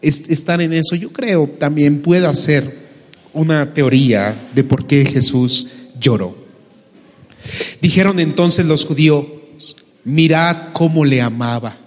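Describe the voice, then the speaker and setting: A man preaching as a pastor, talking in a loose, conversational way with asides and small jokes. His voice sits a bit high for a man, and it rings with a long reverb from a church hall. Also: slow, a little mellow. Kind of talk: sermon.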